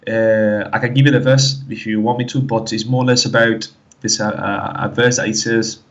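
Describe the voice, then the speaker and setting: This Canary Islands man, his English shaped by Spanish, recounts his own experience as a caller in a relaxed, conversational way, stumbling and circling back with plenty of "like, you know." His pitch is lowish and steady, and the recording is lo-fi.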